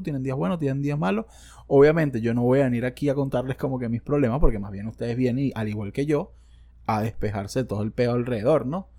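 A man's voice: mid-range voice, creaky, dark tone. A man with a Venezuelan accent, hosting a casual solo podcast into a studio microphone, rambling and slangy with self-joking asides. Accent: Venezuelan Spanish. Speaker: podcast host.

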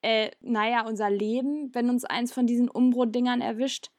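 A woman's voice: a little high, steady tone, normal speed, darkish tone, no room sound, studio quality, pitched above the performer's own voice, lightly acted. A woman voicing an exasperated young boy who complains a lot, in a storybook reading. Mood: indignant. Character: indignant grumpy young boy.

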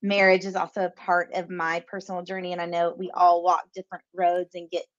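A woman guest in an interview, an adoptive mother speaking warmly and reflectively. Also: lowish voice, monotone, no echo. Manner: warm, reflective, slow and searching. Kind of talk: conversational interview. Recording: slightly dull lo-fi sound.

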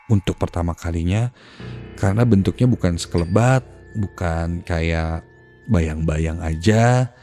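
Male podcast host, low mellow voice, hushed suspense storyteller. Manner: hushed, suspenseful, dropping to near-whispers. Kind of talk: storytelling a ghost encounter. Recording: faint music behind the voice.

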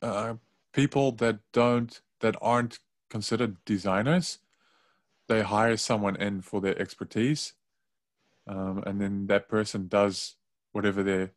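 A man with a fairly low voice chats casually on a video call. He works through his ideas out loud, hedging often with fillers. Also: steady tone, a little slow. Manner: thinks aloud, hedging with "like" and "I don't know".

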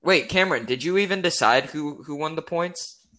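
A man's voice: fairly high pitch, normal speed, sharp tone. A man co-hosting a casual sports podcast, steering topics and keeping score. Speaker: podcast co-host.

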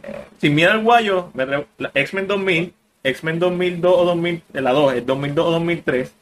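A man's voice: a little high, normal speed. A man co-hosting a casual podcast chat, opinionated and mixing English words into his talk. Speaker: podcast co-host.

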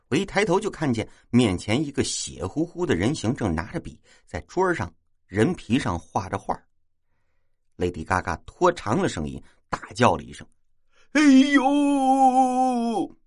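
A man telling a first-person ghost story in a wry, lively way. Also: fairly low pitch, normal speed, slightly rough, no room sound, studio quality.

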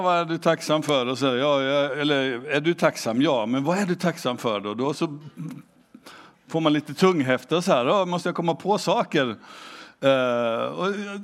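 A man preaching a sermon, asking the congregation direct questions and reading scripture aloud slowly and deliberately. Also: fairly high pitch. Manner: engaging, asks the congregation questions. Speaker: pastor.

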